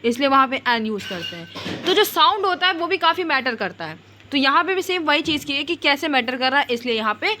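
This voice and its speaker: A woman's voice: high-pitched, animated, brisk, noisy background. A woman teaching grammar in an online lesson. She repeats words as she explains, restarts often, and mixes English into her Hindi.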